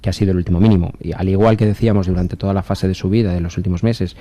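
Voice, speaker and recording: A man's voice: low-pitched, fairly even intonation, warm tone, dry recording. A man working as a market analyst on a radio call-in show, explaining stock charts at length with frequent hesitations. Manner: measured technical explanation with many fillers.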